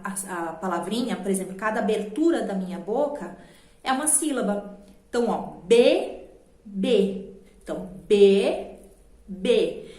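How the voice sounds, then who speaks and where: A woman with a Brazilian Portuguese accent teaching a children's grammar lesson, patiently slowing down to spell out letters and syllables. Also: a little high. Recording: echoey room.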